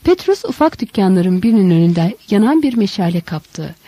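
Woman reading a novel aloud, mellow warm voice, dry close mic. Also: medium pitch, big pitch swings, moderate pace, dry recording, low-quality recording. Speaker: audiobook narrator. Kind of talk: literary audiobook narration.

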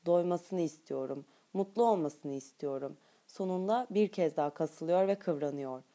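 A woman narrating an audiobook in first person with a steady, intimate reading. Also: fairly low pitch, normal speed.

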